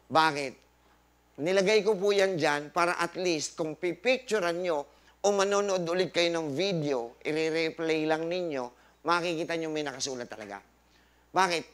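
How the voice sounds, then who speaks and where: A man's voice: a little high, fairly bright tone. A man hosting a health forum as a doctor, lecturing a live audience with rhetorical questions, scripture quotes and jokey asides, mixing English into Tagalog.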